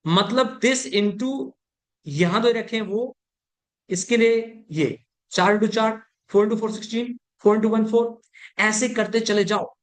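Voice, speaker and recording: A man's voice: high voice, slow. Male chemistry teacher giving a classroom lecture. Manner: keeps checking whether students have understood; mixes English terms into Hindi.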